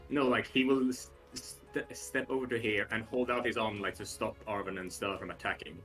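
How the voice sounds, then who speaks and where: Deep-voiced man playing a tabletop game. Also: steady tone, a little fast, fairly bright tone, faint music behind, rough recording. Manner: casual, hesitant with fillers. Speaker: player. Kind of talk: tabletop role-play session.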